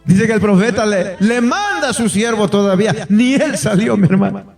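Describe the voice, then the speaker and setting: A man's voice: sits high, lively intonation, moderate pace, gravelly, far from the mic. A male pastor preaching a fervent sermon to his congregation, repeatedly calling them brothers and acting out pleas in a raised voice. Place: church hall. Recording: echoey room, off-mic, faint music.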